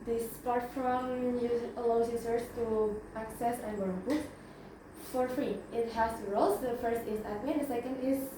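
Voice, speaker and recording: In this class presentation, a student presenter, a young Indonesian-accented woman with a fairly high voice, stops often to restart, fill gaps, and correct herself. The mic picks her up from a distance, and the room echoes heavily over a steady hum of noise.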